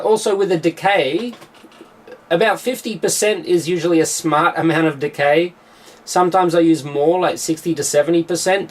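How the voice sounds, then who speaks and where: A man, a music producer, explaining his mixing steps in a studio tutorial, with frequent "uh"s as he works. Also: on the high side. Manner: explanatory, with frequent filler sounds.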